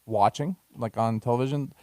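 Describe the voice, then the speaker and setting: A man co-hosting a golf talk show, chatting in a relaxed, rambling way full of fillers. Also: mid-range voice, moderate pace, no echo. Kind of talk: casual sports talk show chat.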